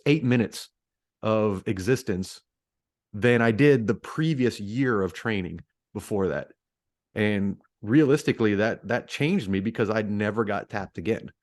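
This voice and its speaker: Low-voiced man telling a story. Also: no echo, studio quality. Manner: storytelling, relaxed with filler restarts. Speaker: podcast co-host. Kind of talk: casual chat.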